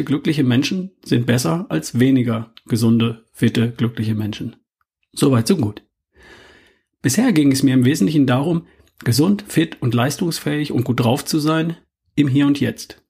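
A middle-aged man hosting a podcast, delivering a calm, measured, scripted monologue. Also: mid-range voice, gravelly, slightly rough. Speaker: podcast host.

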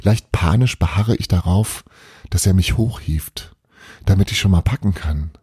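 Husky man with a dark, low voice, reading a first-person novel softly, close and dry. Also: moderate pace, dry recording. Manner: hushed, often half-whispered reading. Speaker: audiobook reader.

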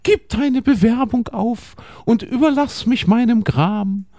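A woman reading the part of a young lovestruck girl, in a slow, earnest, dramatic way. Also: a little high, dark tone, dry recording, studio quality, voice pushed up. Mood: earnest, yearning.

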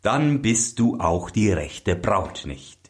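A man's voice: fairly low pitch, big pitch swings, slow. A man voicing a young prince who questions firmly and insists. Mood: suspicious.

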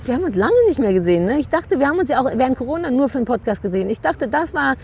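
A woman co-hosting a casual podcast chat, animated and self-mocking, talking in quick bursts. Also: high voice, a little hiss or hum. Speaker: podcast co-host.

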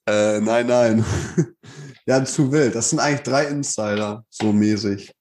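A man's voice: medium pitch, a little slow, darkish tone. Playful man co-hosting a podcast. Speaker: podcast co-host. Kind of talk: casual chat.

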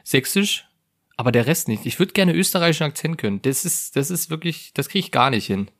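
A man's voice: a little high, big pitch swings, fairly quick, a bit bright. A man from Saxony co-hosting a casual podcast, playful and jokey. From Saxony, Germany. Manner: playful, jokey, laughs a lot. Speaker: podcast co-host. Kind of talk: casual chat.

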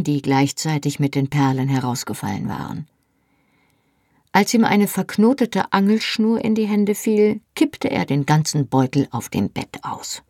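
An audiobook narrator reading a first-person novel in an even, measured storytelling manner. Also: mid-range voice, no echo, studio quality.

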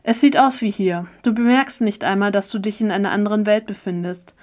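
A woman reading a calm young man explaining. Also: mid-range voice, brisk, lightly acted. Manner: matter-of-fact, explanatory.

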